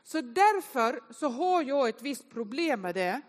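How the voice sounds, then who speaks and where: A woman gives a humorous Sunday sermon, speaking with a somewhat high voice. She tells self-mocking stories in an animated way and talks straight to the congregation. Her voice rings out with a long reverb through a large church hall. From inland northern Sweden.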